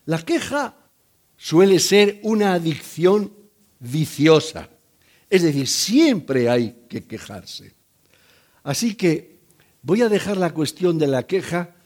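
Lively older preacher. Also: male voice, on the high side. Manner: conversational, joking asides to the congregation; acts out quoted voices in the story. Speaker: pastor. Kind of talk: sermon.

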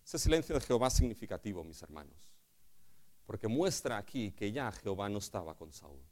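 A man's voice: on the low side, sing-song, a little fast, a little mellow. A man from preaching a sermon, often calling listeners his brothers and asking rhetorical questions.

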